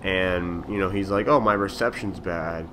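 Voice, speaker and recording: A man's voice: sits low, moderate pace, background noise. A young man telling a story from his school days over game footage, rambling with many fillers and restarts. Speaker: gaming channel host. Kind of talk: casual storytelling over gameplay.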